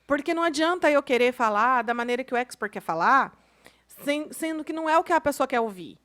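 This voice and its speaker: A high-pitched woman from Brazil co-hosting a casual podcast. She talks emphatically and holds firm opinions, often cutting in to disagree. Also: lively intonation, quick pace, fairly bright tone. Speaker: podcast co-host.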